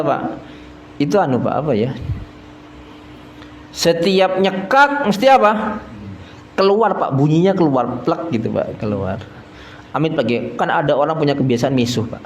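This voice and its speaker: A man's voice: medium pitch, darkish tone. Folksy man preaching. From East Java, Indonesia. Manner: folksy, keeps addressing listeners as sir, chuckles at own jokes. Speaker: religious teacher. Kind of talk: mosque study sermon. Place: prayer hall with echo. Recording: echoey prayer hall, faint noise.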